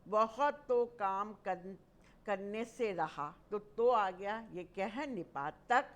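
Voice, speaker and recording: A woman teacher giving a school grammar lesson, slowly explaining each term and repeating her examples. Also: mid-range voice, animated.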